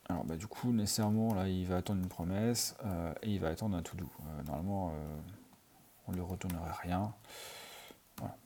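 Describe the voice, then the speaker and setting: A man's voice: low voice, steady tone, a little fast, warm tone, a little hiss or hum. A man teaching programming in a screencast, talking through his code as he types, with many fillers. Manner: thinks aloud while typing, many fillers. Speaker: programming tutor. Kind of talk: screencast coding tutorial.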